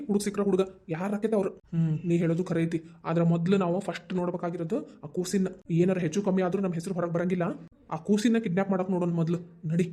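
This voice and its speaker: A voice actor doing scheming village brothers, fast-talking. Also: mid-range voice, dark tone, close to an everyday voice. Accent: North Karnataka Kannada. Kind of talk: amateur cartoon dubbing.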